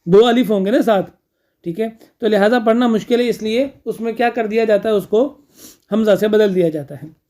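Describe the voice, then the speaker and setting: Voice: mid-range voice, brisk, mellow. A grammar teacher lecturing a class, repeating key terms, posing questions and answering them, with frequent checking fillers.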